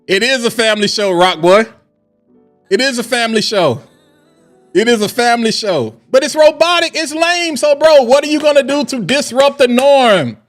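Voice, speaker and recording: A man hosting a livestream, ranting in an animated, hyped way that swings from loud to low and calm. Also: normal speed, pauses often. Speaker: livestream host. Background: faint background music.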